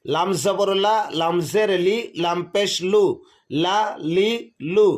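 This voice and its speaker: A man teaching Quran reading, slowly reciting drills of letters and their vowel sounds. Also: sits high, steady tone. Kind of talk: slow recited lesson.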